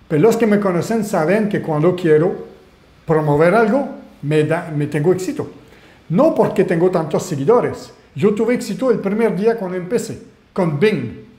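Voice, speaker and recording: A man with a Panamanian Spanish accent tinged with French-Canadian, hosting a live webinar as an online marketing mentor and pitching to viewers with rhetorical questions. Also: dark tone. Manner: salesy, fires rhetorical questions at viewers, lists skills. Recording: roomy echo.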